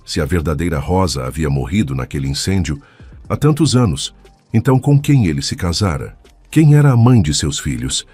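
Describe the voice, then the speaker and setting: A man reading a dramatic story in a measured, scripted narration. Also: sits low, big pitch swings, darkish tone, breathy edge, no room sound, soft background music.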